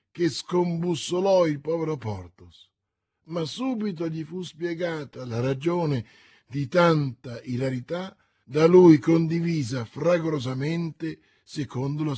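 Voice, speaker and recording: A man reads a classic novel aloud in a theatrical, expressive style. His voice is slightly high and husky, and he takes an unhurried pace. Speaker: audiobook reader. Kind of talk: literary audiobook narration.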